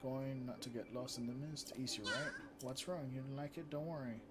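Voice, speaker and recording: A Spanish-speaking man from Mexico live-streams a game and moderates his channel, chatting casually and reading out viewer comments with frequent fillers and restarts. His mid-range voice stays steady at a moderate pace, and the very noisy recording has loud game music underneath.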